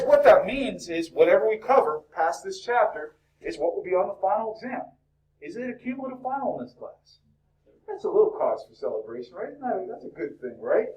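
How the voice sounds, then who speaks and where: A male business instructor lectures a university class, talkative and upbeat, firing questions at the students as his high voice cracks. He's recorded from far off in an echoey classroom.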